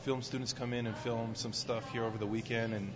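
A man of ordinary pitch chats cheerfully about his own coffee shop as a podcast guest, laughing often. The sound is dull, with clear café chatter behind him. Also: level tone, a little fast. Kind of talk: casual promotional chat.

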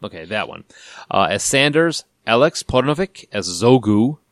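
A man with a fairly low voice hosts a casual podcast movie review. He jokes around as he reads out cast lists and trivia. The sound is dry and close to the mic. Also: sing-song, normal speed, no echo. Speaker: podcast host.

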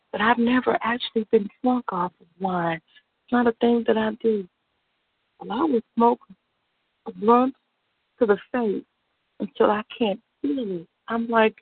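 Languid stoner woman, high, on a phone line. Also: slightly rough, dry recording. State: high on weed. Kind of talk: relaxed first-person monologue on a call-in. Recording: thin, narrow phone line.

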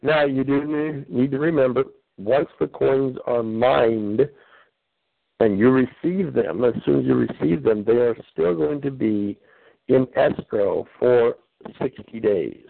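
A man with a gravelly voice hosts a conference call, heard through a thin phone line. He explains things patiently and folksily, with plenty of "um"s, and the sound is dry and close. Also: mid-range voice, a little slow, dry recording. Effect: heard over a phone line. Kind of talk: answering questions on a call.

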